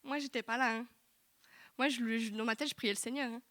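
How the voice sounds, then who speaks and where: Lively young woman giving church testimony. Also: on the high side, fairly quick. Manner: lively, chatty, with frequent asides. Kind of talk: sermon testimony. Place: church hall.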